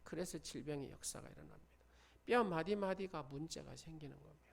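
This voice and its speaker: A male pastor preaching a sermon with fervor, booming out proclamations and then dropping to near whispers. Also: fairly quick, gravelly, breathy edge. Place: church sanctuary.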